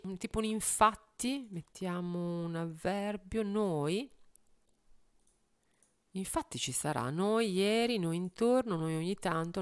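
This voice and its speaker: A woman's voice: on the low side, dry recording, studio quality. A woman who sings, thinking aloud in casual chat while she strings words into lyrics, muttering lists of words and trying out phrases with a wry, self-mocking manner. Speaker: singer and video host.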